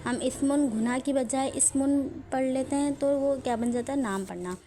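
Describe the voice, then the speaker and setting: A woman gives a lesson on Quran recitation in a mellow, fairly high voice. She explains patiently and repeats words to show how they should sound. Faint noise sits behind her. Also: level tone. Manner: careful, explanatory, repeats words to demonstrate pronunciation. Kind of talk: religious lesson on tajweed.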